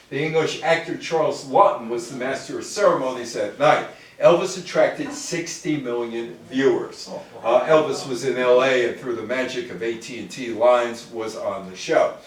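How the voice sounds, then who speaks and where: A distant microphone captures an older American man in a very echoey room as he gives an informal public talk on music history to an audience. His voice runs on the high side. He reads quotes and comments on them, breaking off now and then for short asides to the listeners.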